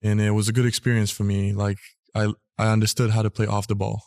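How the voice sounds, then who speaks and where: A young man from Israel answers questions as an interview guest. His voice sits somewhat low and his speech is relaxed and filled with casual fillers. The sound is dry, close and without echo. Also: fast. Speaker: guest athlete.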